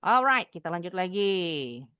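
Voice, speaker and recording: A woman teaching young students, explaining with lively repetition and sounding out example sentences with exaggerated rise and fall. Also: fairly low pitch, measured pace, clean tone, no room sound, studio quality. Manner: lively, repeats points for emphasis. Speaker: English teacher.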